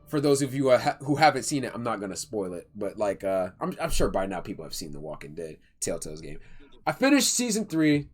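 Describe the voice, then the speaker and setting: A young man streaming, telling a story in a casual, animated and emotional way, full of slang and restarts. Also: lowish voice, soft background music. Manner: animated, emotional, talks fast with slang and self-interruptions.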